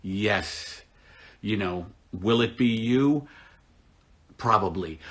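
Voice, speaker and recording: Slow, lively-pitched comedian host. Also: male voice. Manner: dry, deadpan, mock-gloomy, rambling. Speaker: host of a live stream. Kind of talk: casual comedic live-stream chat.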